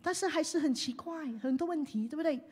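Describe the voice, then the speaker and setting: A woman pastor preaching a sermon. She swings from hushed to loud and leads the congregation in call-and-response. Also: high-pitched, quick pace.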